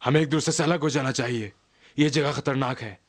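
A man's voice: mid-range voice, a little fast, close to an everyday voice. An actor playing a cautious male conspirator in a dubbed historical drama, urgent and tense. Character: cautious male conspirator urging the group to hide.

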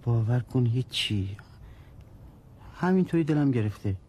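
An actor playing a brooding husband, a former gambler, who answers in short, sullen replies in a broadcast drama. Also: male voice, mid-range voice, lively intonation, a little hiss or hum, close to an everyday voice. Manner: curt, sullen, then shouting.

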